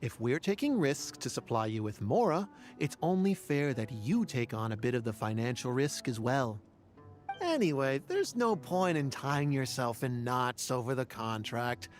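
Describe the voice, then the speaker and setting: A man's voice: mid-range voice, big pitch swings, moderate pace, faint music behind, natural voice. A man voicing a slick loan shark. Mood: persuasive. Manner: breezy, persuasive salesman patter. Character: smooth-talking adult male loan shark. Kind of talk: game voice acting.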